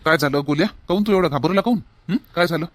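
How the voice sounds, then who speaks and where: A man's voice: on the high side, racing, no room sound, lightly acted. A man playing a worried old village grandfather who fusses and asks question after question. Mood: alarmed. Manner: fussing, questioning, easily alarmed. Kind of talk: village comedy sketch acting.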